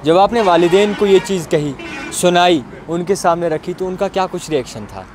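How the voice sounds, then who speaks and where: A man's voice: sits high, moderate pace, noisy background. A young man interviewing a guest outdoors, asking formal, courteous questions and offering encouraging remarks.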